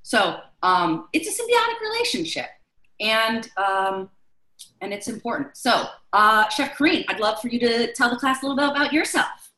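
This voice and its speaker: A woman's voice: on the high side, big pitch swings, normal speed, pushed and bright, reverberant, rough recording. A woman chef instructor from Chicago leading a live online class, chatty and loose with many fillers.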